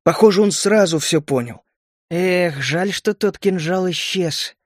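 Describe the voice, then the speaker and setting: A man reading first-person fantasy narration in a steady, measured way. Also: high voice, dry recording, studio quality. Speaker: audiobook narrator.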